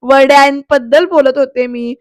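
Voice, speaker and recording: Woman doing annoyed young lady telling a guy off, high flat voice. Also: measured pace, no room sound, clean studio sound. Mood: exasperated. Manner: scolding, exasperated.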